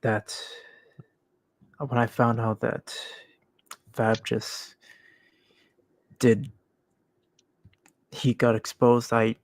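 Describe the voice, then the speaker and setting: A young man talking in a halting, breathy whisper with sighs, in a casual live stream chat. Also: mid-range voice, flat delivery.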